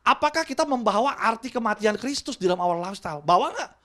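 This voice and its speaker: High-voiced animated male preacher. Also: fast. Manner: animated preaching, switching between Indonesian and English. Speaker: pastor. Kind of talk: sermon. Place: church service.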